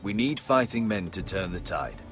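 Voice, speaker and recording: An actor playing a roguish sellsword who talks wryly and deliberately. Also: male voice, sits low, expressive. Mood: earnest. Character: roguish male sellsword, wry and daring. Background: game music.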